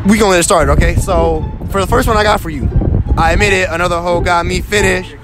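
A man's voice: sits high, steady tone, quick pace, music in the background. A young man hosting a casual street interview outdoors, joking and teasing as he talks into a phone held out as a mic. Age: young adult. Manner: joking, teasing, sings lyric snippets. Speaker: street interviewer, channel host. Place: outdoors on a city street and parking lot.

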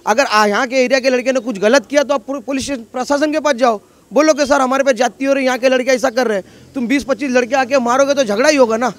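Man, very high voice, rapid, insistent, aggrieved local resident, street interview. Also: steady tone.

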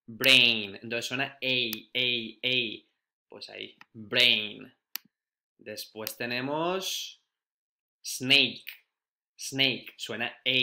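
A male primary school teacher giving a phonics lesson, slowly sounding out and repeating letter sounds. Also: medium pitch, bright, forceful tone.

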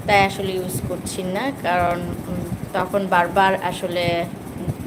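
A woman from Bangladesh talking casually to viewers on a livestream, pausing often with hesitation sounds. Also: on the low side, flat delivery, very noisy. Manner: chatty, with many hesitation sounds. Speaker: vlogger hosting a livestream. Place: at home after coming in from outside.

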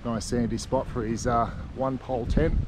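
A man's voice: mid-range voice, normal speed. Chatty Australian man on a windy beach. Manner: relaxed, chatty, with frequent ums and restarts. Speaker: vlogger. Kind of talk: casual outdoor vlog narration. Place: outdoors on a windy tropical beach. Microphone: action camera held at arm's length. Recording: wind noise from outdoors. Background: wind and lapping water.

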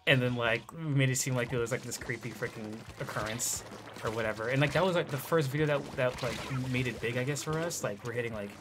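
A young man chatting casually on a stream while playing a game, rambling and relaxed with many fillers. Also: medium pitch, fairly quick. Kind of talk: casual chat while gaming. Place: home gaming setup. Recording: game music behind voice.

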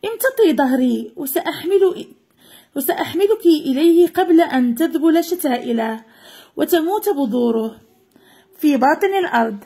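A woman's voice: high-pitched, animated, normal speed, mellow. A woman reading a children's story aloud, voicing a female wind that keeps inviting others to travel with her. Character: restless female wind looking for a companion.

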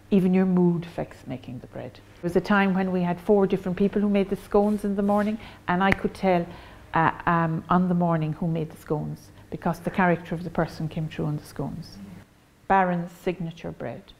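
A woman's voice: lowish voice, a little mellow, a little hiss or hum. An older woman with an Irish accent, a bakery owner explaining her trade plainly in a documentary interview, with some fillers. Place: café interior.

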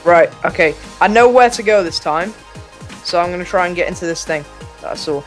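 A young man with a high voice chats casually through a co-op game. He is playful and jokes in a deadpan way, with faint music behind him. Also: brisk. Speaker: co-op gaming partner. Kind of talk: casual game chat commentary.

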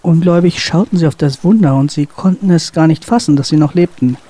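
A woman author reading a dramatic sea story aloud on a radio show, expressive and building tension. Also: sits low, brisk. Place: radio studio.

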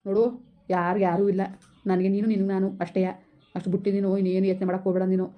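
A woman playing a gentle young village husband who keeps coaxing his pregnant wife. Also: mid-range voice, level tone, very fast, muffled recording, lightly acted. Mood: soothing. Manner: soothing, repetitive coaxing. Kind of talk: village skit acting.

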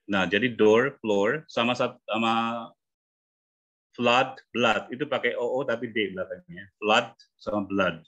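Low-voiced man teaching pronunciation online. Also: a bit bright. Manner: explains patiently, models English words slowly. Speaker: English pronunciation coach. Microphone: video call. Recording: muffled video-call audio.

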